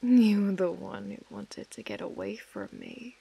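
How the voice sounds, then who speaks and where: A woman's voice: mid-range voice, sing-song, a little slow, creaky, mellow, breathy edge, full character voice. A British woman playing an obsessive mafia heiress who speaks with controlling, condescending affection in an ASMR role-play. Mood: menacingly tender. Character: possessive, obsessive female mafia heiress, menacingly tender captor.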